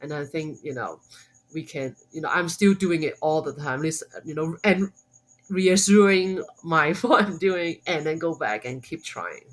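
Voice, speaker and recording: A Hong Kong woman whose first language is Cantonese speaks English with a Hong Kong accent as a guest on a podcast interview, using many fillers and restarts. She's a homeschooling mom and blogger with a low, expressive, unhurried voice, though the audio is poor.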